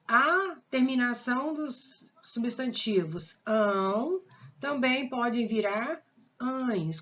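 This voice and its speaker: A woman's voice: fairly high pitch, a bit bright, highs cut off. A woman teaching a grammar lesson with a Brazilian Portuguese accent, patiently repeating the rules and asking rhetorical questions.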